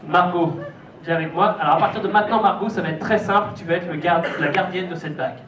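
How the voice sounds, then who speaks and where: A man's voice: sits high, fast, muffled recording. A man doing live kids' party magician patter, a playful, teasing showman coaxing children and their families. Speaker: stage magician hosting a children's magic show. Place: show venue with a stage and live audience. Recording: echoey hall, distant mic, noisy audience.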